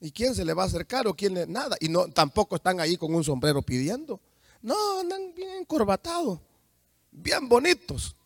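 A middle-aged Salvadoran man preaching a fervent sermon, speaking straight to his congregation and rising into shouts. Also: sits high, sing-song, a little fast, gravelly, few pauses, breathy edge, no room sound, clean studio sound. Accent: Salvadoran Spanish.

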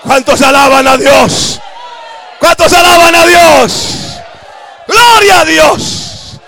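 A Salvadoran man preaches in a church, his voice pitched very high for a man. He drives the sermon with shouted, emphatic cries of praise and calls for the crowd to answer. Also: takes it slowly, creaky, very noisy. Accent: Salvadoran Spanish.

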